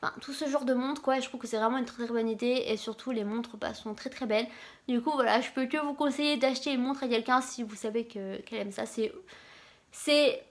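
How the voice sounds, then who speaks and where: A young woman with a high voice talks through gift ideas in a casual vlog. She is chatty and loose, filling pauses with hesitations and restarting her sentences. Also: fairly bright tone. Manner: chatty, lots of fillers and restarts. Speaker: YouTuber.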